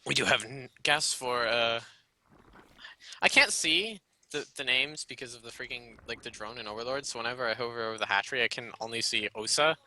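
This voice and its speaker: A man casting a live video game match in a casual, rambling way, often laughing and getting excited. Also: medium pitch, a little fast. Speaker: game caster.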